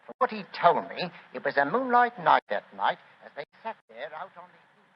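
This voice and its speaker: An actor playing a harried, dogged English police inspector in a 1940s radio drama, earnest and emphatic. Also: male voice, a little high, wildly swooping pitch, brisk, slightly rough, full character voice. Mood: reporting. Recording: dull 1940s radio recording.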